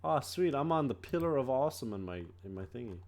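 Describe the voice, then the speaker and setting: A man's voice: medium pitch, animated, a little mellow, slight background noise. Male podcast host, easygoing, cusses a lot, laughs easily. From Ireland. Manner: loose, swears freely, quick to laugh. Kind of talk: casual gaming podcast chat.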